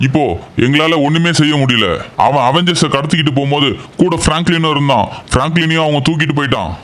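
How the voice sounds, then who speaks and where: A man's voice: a little high, fast, a bit bright, close to an everyday voice. A man voicing a grieving, powerless thunder god in a game role-play, solemn and despairing.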